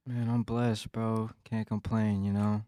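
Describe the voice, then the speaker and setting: Easygoing male guest from the Philippines, lowish mellow voice, dry sound. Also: flat delivery, measured pace, smooth, no room sound. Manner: easygoing, many "you know" fillers. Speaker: guest artist. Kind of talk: casual conversation.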